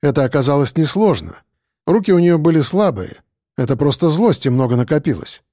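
A man reading a first-person audiobook narration, steady and matter-of-fact. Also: on the high side, brisk, dry recording, studio quality.

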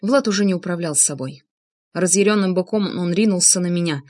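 A woman narrating an audiobook with an expressive, dramatic reading. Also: lowish voice, a little fast. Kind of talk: scripted narration.

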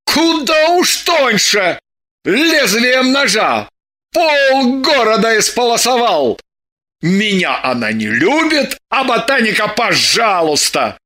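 A man's voice: sits high, expressive, unhurried, sharp tone, full character voice. An actor playing a sardonic, exasperated young man who scolds with theatrical sarcasm in an audiobook. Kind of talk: audiobook dialogue.

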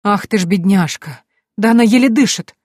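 A woman's voice: medium pitch, normal speed, a little mellow, no room sound, clean studio sound, voice pushed up, natural voice. A woman voicing a bustling, grumbling older female tavern cook who drawls her exclamations. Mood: dismayed.

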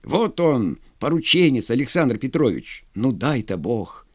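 A man's voice: medium pitch, very animated, measured pace, darkish tone, dry recording. A nervous, impatient army colonel, voiced by a male narrator, sighing and fretting between urgent orders. The reading is dry and close, like a storybook read aloud. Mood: anxious.

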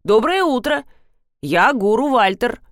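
A woman's voice: on the high side, big pitch swings, a little slow, no room sound, studio quality, pitched above the performer's own voice. A woman reading an audiobook, voicing a cheerful, friendly young man wearing an ape costume. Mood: surprised. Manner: friendly, surprised.

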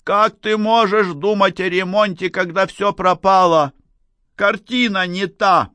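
Male reader playing a hot-tempered woman, pitched up, shrill, audiobook. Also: huge pitch swings, slow, no echo, exaggerated voice. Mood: shrieking. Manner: shrill, shouting. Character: agitated woman, middle-aged, quick to shout.

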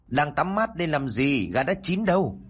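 A man voicing a loud, brash chubby teenage boy in a storybook reading. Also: a little high, expressive, fast, breathy edge, pitched above the performer's own voice.

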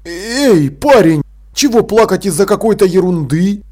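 A man voicing an awkward young prince at school who talks hesitantly and a little gruffly. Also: high-pitched, expressive, measured pace, a little mellow.

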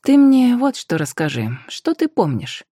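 A bold, sharp-tongued young witch on the case, as a woman reads her, a little higher and louder than the narration around her. She talks in brisk commands and quick comebacks, mellow in tone and dry in sound. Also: sing-song, dry recording. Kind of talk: audiobook character voice.

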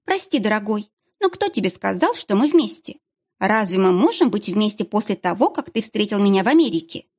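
A woman voicing a sharp-tongued, mocking young heroine with biting, sarcastic retorts. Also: medium pitch, very animated, brisk.

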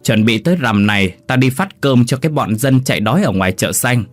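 A man's voice: mid-range voice, expressive, fairly quick, faint music behind, close to an everyday voice. A man voicing a bossy rich landlord who talks in a curt, commanding way.

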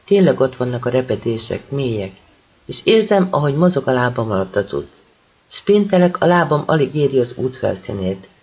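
A man's voice: mid-range voice, sing-song, a little mellow, husky, highs cut off. A man reading a first-person audiobook with urgent, intense storytelling. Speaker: audiobook reader.

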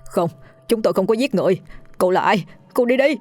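A woman voicing two terrified male murderers, pleading in shrill, stammering panic. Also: animated, fairly quick, a little mellow, faint music behind, close to an everyday voice.

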